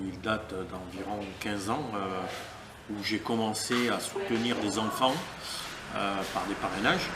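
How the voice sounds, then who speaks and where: A middle-aged man from France, answering interview questions in a thoughtful, measured and lyrical way with pauses. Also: on the low side, background noise. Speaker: interviewee helping at a family guesthouse. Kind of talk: casual interview. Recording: roomy sound with crowd chatter behind.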